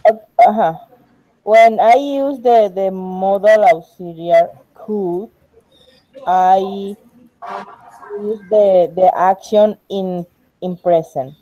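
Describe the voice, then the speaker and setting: Halting woman student with thick Spanish accent. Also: medium pitch, mellow, highs cut off. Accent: Latin American Spanish. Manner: halting, searching for words. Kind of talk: online English class conversation.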